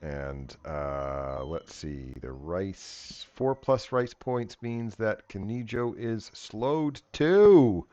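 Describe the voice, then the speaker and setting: A man's voice: fairly low pitch, expressive, drawn-out words, hardly any pauses, warm tone, muffled recording. A man acting as game master, casually narrating and working through rules in a tabletop game.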